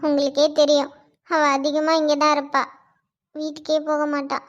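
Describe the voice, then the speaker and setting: A young best friend in a cartoon, voiced by a woman, chatty and quick with retorts in a high voice. The audio is dull and lo-fi. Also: monotone, lightly acted. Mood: telling. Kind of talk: Tamil cartoon voice acting.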